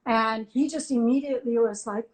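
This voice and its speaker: Animated woman telling a story. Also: a little high, moderate pace, slight background noise, poor audio. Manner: animated anecdote-telling, acts out both sides of quoted dialogue, frequent "like". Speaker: interview guest, music journalist. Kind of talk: casual storytelling on a live video chat. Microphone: phone or laptop on a video call.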